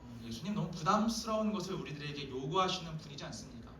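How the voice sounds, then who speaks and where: High bright guy preaching to teens in an echoey church hall, kinda far from the mic. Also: fast, a little hiss or hum. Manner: lively, acts out quoted dialogue. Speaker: youth pastor. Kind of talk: sermon to youth group.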